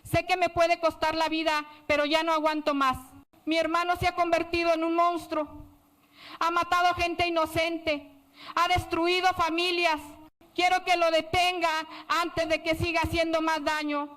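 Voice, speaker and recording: A woman voicing a nervous woman informant who speaks in a halting, breathless plea. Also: extremely high pitch, level tone, fairly bright tone. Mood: desperate.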